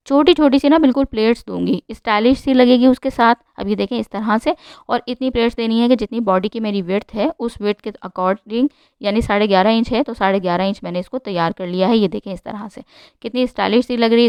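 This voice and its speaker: Fast-talking woman narrating a sewing tutorial. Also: medium pitch, a little mellow, clear, resonant tone, no room sound. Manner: rushed, instructive, repeats "like this". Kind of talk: step-by-step sewing tutorial voice-over.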